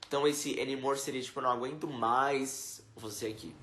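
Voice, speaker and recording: A man's voice: medium pitch, steady tone, pushed and bright, slight background noise. Brazilian guy, casual English-teacher vlog, chatty, echoey room. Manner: chatty, peppered with fillers; slow, careful English examples. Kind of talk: casual video lesson.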